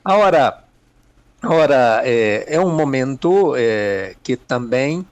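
Answering interview questions as a political analyst guest, this Mineiro man from Minas Gerais hesitates, fills pauses often and slips Spanish words into his Brazilian Portuguese. He speaks slowly but animatedly in a clear, resonant, medium-pitched voice, with no room sound.

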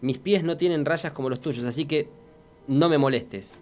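A man voicing a grumpy female walrus in a read-aloud storybook, gruff and dismissive. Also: fairly high pitch, moderate pace, darkish tone, faint music behind, lightly acted.

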